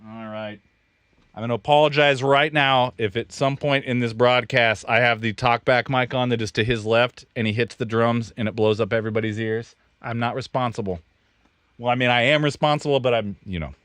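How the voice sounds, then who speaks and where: A Kansas man who owns a recording studio hosts a casual livestream from its control room, explaining how he mics drums in a rambling, self-correcting, joking way. His mid-range voice is brisk, fairly even in intonation, a bit bright and smooth. The recording has no room sound.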